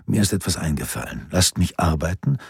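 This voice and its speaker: A man's voice: deep voice, big pitch swings, a little fast, gravelly, a little mellow, breathy edge, no room sound, studio quality, full character voice. A man voicing a persuasive Renaissance ruler urging a friend, in a pleading, earnest way. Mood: urgent.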